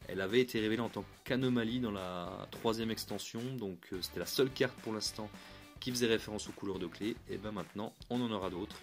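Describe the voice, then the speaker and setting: A man's voice: on the low side, quick pace, faint music behind. A man giving a casual, upbeat card review. He talks in a chatty way, often restarts mid-phrase and chuckles lightly.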